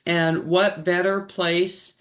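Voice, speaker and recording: A woman's voice: fairly low pitch, little pitch movement, a bit bright. A woman co-hosting a casual live-stream chat, stretching her words like a show announcer. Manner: slow, drawn-out announcer-style delivery. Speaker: co-host.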